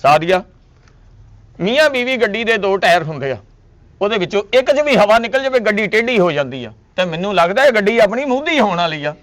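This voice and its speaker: A man's voice: high-pitched, sing-song, a little fast, fairly bright tone. A man playing a husband who defends himself against his suspicious wife with jokes and sayings. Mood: lecturing. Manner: exasperated, lecturing with jokes and sayings. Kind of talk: comedy sketch acting.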